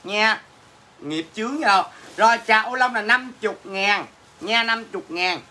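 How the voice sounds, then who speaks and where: At normal speed and in a sharp tone, a medium-pitched woman with a Southern Vietnamese accent hosts a laid-back livestream sale. She fields comments while teasing her viewers with brash, crude jokes.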